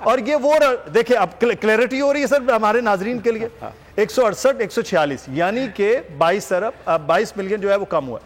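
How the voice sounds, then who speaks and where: A man's voice: sits high, animated, moderate pace, long reverb tail. A man anchoring a news talk show, explaining figures for viewers step by step.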